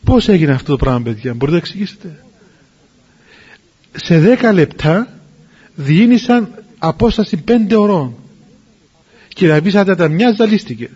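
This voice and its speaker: A man preaching to his listeners through a lively story, acting out the dialogue. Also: high-pitched, pauses often, slightly rough, dull audio. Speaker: preacher telling an edifying story.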